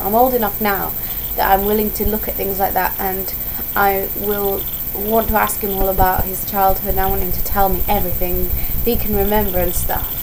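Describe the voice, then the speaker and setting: A young woman who is ill, with her voice starting to go, chatting in a casual, rambling vlog way and often wandering off on tangents. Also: medium pitch. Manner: digressive, chatty, self-interrupting. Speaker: vlogger. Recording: noisy home vlog recording.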